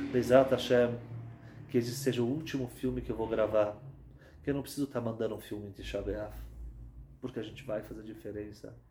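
A man, telling a sermon story dramatically, dropping low and soft, then building to loud outbursts. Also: echoey room, a little hiss or hum. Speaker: religious speaker.

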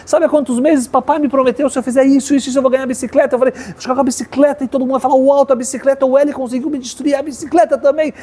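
A man's voice: sits high, quick pace, warm tone, husky, voice pushed up, exaggerated voice. A man voicing a distressed ten-year-old boy who pleads through tears. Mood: pleading.

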